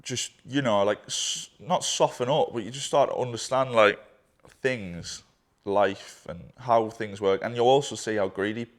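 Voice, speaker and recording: Lowish-voiced man talking candidly. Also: unhurried. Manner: rambling, candid, swears casually, many fillers. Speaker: business partner. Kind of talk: candid conversation.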